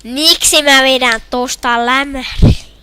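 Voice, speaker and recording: A young woman with a Finnish accent commenting on her own hockey video game match, shouting and groaning at the plays. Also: high-pitched, fairly even intonation, slight background noise. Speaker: gamer. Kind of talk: gameplay commentary.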